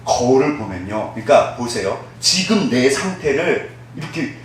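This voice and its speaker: A man, a pastor, preaching a sermon in a lively, conversational way, asking the congregation questions and acting out soft quoted voices. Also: medium pitch, normal speed, very echoey, distant mic, slight background noise. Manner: acts out quoted voices, dropping to a soft hush.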